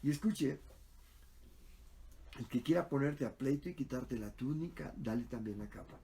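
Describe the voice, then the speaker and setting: A man's voice: mid-range voice, expressive, moderate pace, gravelly, mellow, breathy edge. A male pastor delivering a sermon, telling stories with quoted dialogue and frequent fillers.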